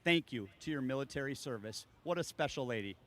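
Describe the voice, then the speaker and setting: A man's voice: medium pitch, animated, brisk, a bit bright. A man hosting a live air show, gushing and enthusiastic as he talks to the crowd and interviews performers.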